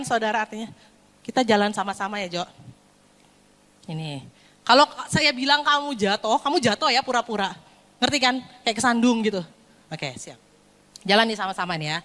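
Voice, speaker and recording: High-voiced woman preaching in a hall. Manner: lively, talks to congregation, acts out scolding and comforting parents. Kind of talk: sermon with acted parent role-play. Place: church hall. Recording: long hall reverb.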